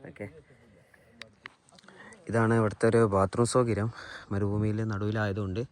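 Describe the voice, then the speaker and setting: A man's voice: fairly low pitch, level tone, moderate pace, a little mellow. A man with a Malayali accent giving a casual walk-and-talk travel vlog, mixing English words into his Malayalam. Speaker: travel vlogger.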